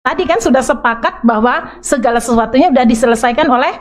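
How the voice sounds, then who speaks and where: Middle-aged woman preaching with a high voice. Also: fast talker. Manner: animated, acts out quoted voices. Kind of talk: sermon. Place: church.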